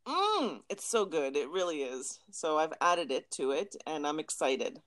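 A woman with a somewhat low voice co-hosts a relaxed conversation. She talks eagerly and warmly about cooking, often restarting her sentences as she goes. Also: unhurried. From Lebanese family. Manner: chatty, enthusiastic about food, frequent restarts. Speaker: podcast co-host. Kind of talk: casual chat.

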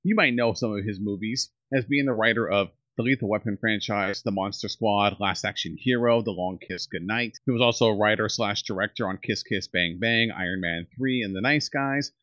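A man hosting a casual movie podcast, talking with enthusiasm and speeding up when excited. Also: lowish voice, a little fast, few pauses, no echo, dull audio. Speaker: podcast host.

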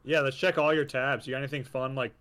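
A man's voice: medium pitch, level tone, fast talker, a bit bright. A man co-hosting a comedy podcast, teasing and sarcastic. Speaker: podcast co-host. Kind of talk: casual comedy podcast chat.

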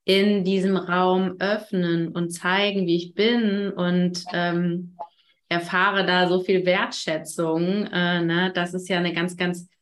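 A woman hosting a conversational interview, her voice sitting a little low. She talks in a gentle, reflective way, affirming her guest and tagging thoughts with a soft "ne?". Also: level tone, takes it slowly. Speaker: podcast host.

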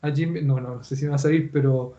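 A man's voice: medium pitch, flat delivery, fast, dark tone, muffled recording. A man with a Chilean Spanish accent, teaching Japanese in an enthusiastic, explanatory way, often restarting words. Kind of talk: casual online class chat.

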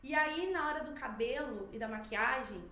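A young adult woman, a singer guesting on a podcast, telling stories in a lively, animated way with quoted voices. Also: high-pitched, normal speed. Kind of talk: casual storytelling chat. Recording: roomy echo, faint noise.

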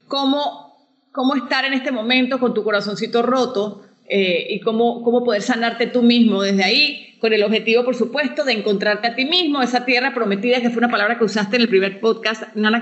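A woman's voice: on the high side, fairly bright tone. A woman hosting a podcast in casual conversation. She agrees with her guest, sums up what was said and leads the wrap-up. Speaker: podcast host.

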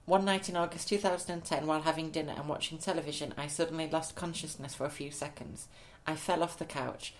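A man's voice: fairly high pitch, steady tone, fast talker, few pauses, a little hiss or hum. Man, podcast co-host, casual chat, reads news stories aloud, amused. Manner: reads articles out, amused and chatty.

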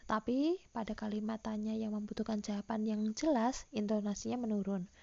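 A woman's voice: medium pitch, fairly even intonation, a little fast, gravelly, dark tone, lo-fi sound. A woman teacher giving a recorded online lesson to primary school children, patiently explaining and reading example questions aloud.

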